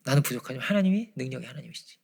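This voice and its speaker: A man preaching a Friday prayer-meeting sermon, swinging from loud emphasis to hushed near-whispers. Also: medium pitch, expressive, rapid-fire, vocal fry. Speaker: pastor. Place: church.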